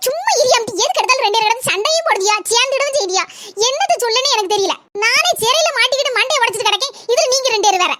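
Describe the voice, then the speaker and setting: A very high, piping cartoon wife snaps and scolds in a Kanyakumari Tamil accent. She always has a quick, quarrelsome comeback ready. Steady noise sits under the recording. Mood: scolding. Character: young wife, sharp-tongued and quarrelsome.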